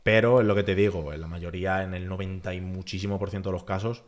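A man, chatting casually as a podcast guest in an animated, filler-heavy way. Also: low voice. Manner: animated, talks fast with lots of filler phrases. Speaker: guest, freestyle rapper.

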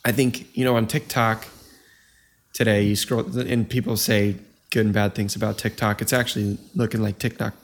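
Low-voiced rambling podcast man. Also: level tone, moderate pace. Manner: rambling, frequent "you know" and "like" fillers. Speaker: podcast co-host. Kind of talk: casual podcast chat.

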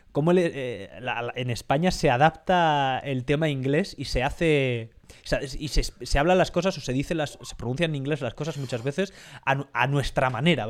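Rambling Spanish podcast host, higher-pitched man. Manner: rambling, frank, swears casually. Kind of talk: casual podcast interview.

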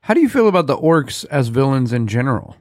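A man's voice: medium pitch, fast talker, dry recording, studio quality. A man co-hosting a podcast, chatting casually with hesitant restarts. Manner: lively, hesitant, trailing off and restarting. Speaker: podcast co-host.

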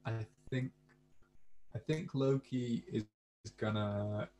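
A man's voice: medium pitch, takes it slowly, warm tone. A man co-hosting a podcast, chatting casually and hesitantly, often restarting with "I think". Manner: hesitant, repeats starts with "I think". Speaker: podcast co-host. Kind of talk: casual chat.

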